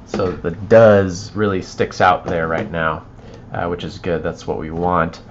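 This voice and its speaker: A man walking viewers through a video edit on a livestream, thinking aloud and trailing off into quiet mutters as he works. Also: low-pitched, level tone, measured pace, highs cut off, slight background noise. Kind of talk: live editing walkthrough.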